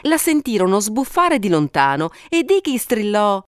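A woman narrating a fairy tale in an expressive, dramatic way, lingering on moments of suspense. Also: mid-range voice, normal speed, dry recording, studio quality. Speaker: storyteller.

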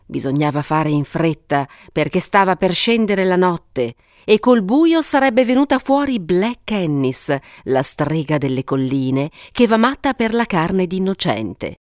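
A woman narrating a fairy tale in an expressive, dramatic way, lingering on moments of suspense. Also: on the low side, dry recording, clean studio sound. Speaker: storyteller.

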